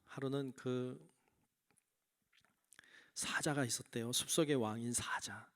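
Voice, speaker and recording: A man's voice: medium pitch, steady tone, slow pace. A male senior pastor preaching a sermon in church, telling a story and asking the congregation questions.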